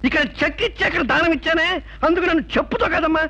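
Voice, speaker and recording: A man's voice: very high-pitched, fairly even intonation, racing, pushed and bright, exaggerated voice. An actor playing a glib middle-aged con man who talks in a sweetly humble, self-pitying way. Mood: pleading. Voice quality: ingratiating, theatrically humble. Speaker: smooth-talking swindler in a film comedy. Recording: dull old film soundtrack with music.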